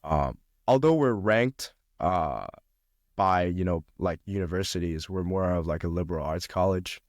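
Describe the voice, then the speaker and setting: A young Chinese man chats casually as a podcast guest about college life, often using fillers and restarting. His low-pitched voice moves at normal speed, recorded with clean studio sound and no echo.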